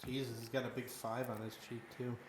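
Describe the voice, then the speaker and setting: A man's voice: medium pitch, little pitch movement, fairly quick, breathy edge. A man co-hosting a casual podcast chat, talking loosely with lots of fillers. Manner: chatty, lots of fillers like "dude". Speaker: podcast co-host.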